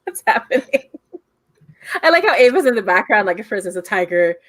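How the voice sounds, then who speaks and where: A woman's voice: medium pitch, sing-song, fast talker, a bit bright, dry recording. A woman running a tabletop role-playing game, chatty, with lots of fillers and laughter. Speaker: game master.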